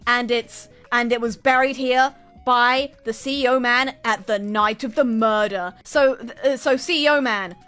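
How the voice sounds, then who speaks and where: A woman streamer chattering rapidly and nonstop, retelling a story in an animated, exasperated and dramatic way. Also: on the high side, smooth, soft background music. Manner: exasperated, incredulous, dramatic retelling with acted-out quotes. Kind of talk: animated rambling storytelling to an audience.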